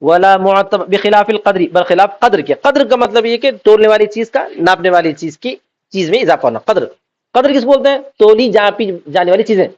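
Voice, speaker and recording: A man's voice: sits high, animated. A man teaching Islamic law, reading out Arabic text and then explaining it by asking and answering his own questions. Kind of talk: classroom lecture. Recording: dull lo-fi recording.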